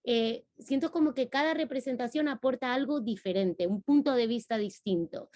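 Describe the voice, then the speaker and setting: A woman's voice: on the high side, normal speed, darkish tone. Thoughtful woman talking math teaching. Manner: thoughtful, searching for words with many restarts. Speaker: math educator. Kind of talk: casual online discussion.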